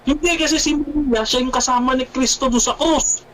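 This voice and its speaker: Man retelling a male demon's replies, high and matter-of-fact. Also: steady tone, moderate pace, fairly bright tone, a little hiss or hum. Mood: defiant. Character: male demon speaking through a possessed woman.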